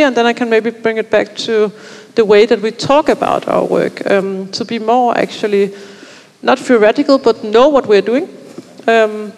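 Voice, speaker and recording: A woman in her thirties speaks on a panel through a headset mic. Her voice sits high and has a gravelly fry. She talks reflectively and searches for her words, and the room adds a long echo. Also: darkish tone. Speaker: artist and film school teacher. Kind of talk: panel discussion. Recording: reverberant room.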